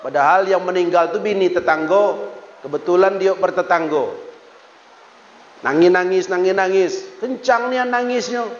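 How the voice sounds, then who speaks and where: A man's voice: high-pitched, moderate pace. A man preaching a humorous village sermon, teasing the audience and slipping into sing-song rhymes. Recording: echoey hall, dull lo-fi sound.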